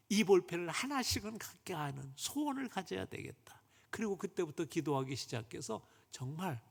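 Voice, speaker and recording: A male pastor giving a Sunday sermon in a church sanctuary, swinging from loud emphasis down to whispers. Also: a little high, creaky, slightly rough. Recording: long church hall reverb.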